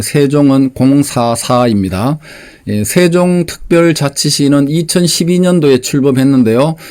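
A man hosting a quiz channel, reading out questions and giving short explanations in a plain, unpolished voice with many filler sounds. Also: mid-range voice. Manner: steady step-by-step explaining. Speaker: quiz host.

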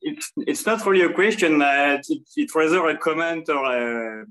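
A man from France speaks English with a French accent in a fairly high voice. He comments casually on a video call as a fossil preparator. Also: animated, normal speed, a bit bright, poor audio. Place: apartment, indoors.

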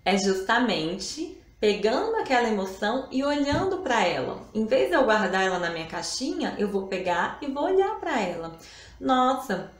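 A woman's voice: a little high, sing-song, moderate pace. A woman, hosting a live stream and talking about emotions in a casual, reflective way, often adding little tag questions. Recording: roomy echo.

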